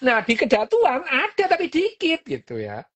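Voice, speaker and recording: A woman's voice: high-pitched, wildly swooping pitch, moderate pace, slightly rough. A woman, hosting a podcast and explaining a book in a casual, chatty way, full of fillers and little jokes.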